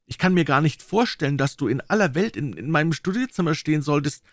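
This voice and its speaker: A man reading an audiobook and voicing an agitated middle-aged doctor who exclaims in excitement. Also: fairly high pitch, fast, no room sound, studio quality, voice pushed up, close to an everyday voice. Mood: overwhelmed.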